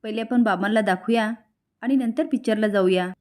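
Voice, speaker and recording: A woman reading the lines of a gentle young mother in a serial recap, speaking in a calm, soothing way. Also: on the high side, brisk, close to an everyday voice.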